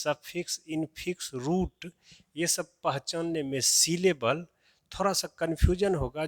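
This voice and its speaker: Slow, patient male teacher. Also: fairly high pitch, no echo, clean studio sound. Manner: slow, repeats key terms as questions and answers them. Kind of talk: classroom lesson for children.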